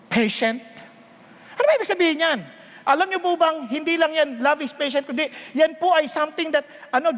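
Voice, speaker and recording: High-voiced Filipino preacher in a hall. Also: male voice. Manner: animated storytelling, mixing Tagalog and English. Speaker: pastor. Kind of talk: sermon. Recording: long hall reverb.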